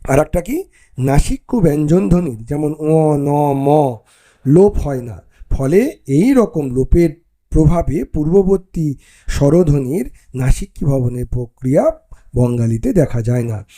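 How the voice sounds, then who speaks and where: A male teacher giving a recorded exam-prep lesson, explaining step by step and often pausing with "ah" between points. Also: fairly high pitch, lively intonation, dark tone.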